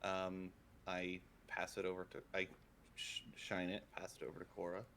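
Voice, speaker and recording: Male tabletop player, deep and hesitant, conversational, faint noise behind him. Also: completely flat delivery, normal speed, fairly bright tone. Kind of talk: casual in-game chat.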